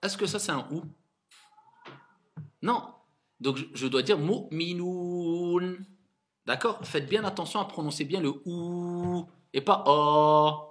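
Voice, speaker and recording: A man's voice: on the high side, expressive, moderate pace, long pauses, fairly bright tone. A man teaching Arabic reading to a class as an imam, coaxing his students and repeating sounds for them to echo. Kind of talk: classroom lesson.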